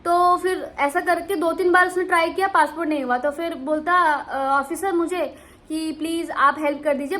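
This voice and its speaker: A young woman vlogger casually telling a travel story, animated and full of restarts. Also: sits high. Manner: animated, many restarts and fillers.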